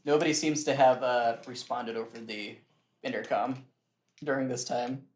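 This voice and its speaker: A man's voice: medium pitch, moderate pace. Man narrating a game, echoey room. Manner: relaxed, laughs often while narrating. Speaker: game master.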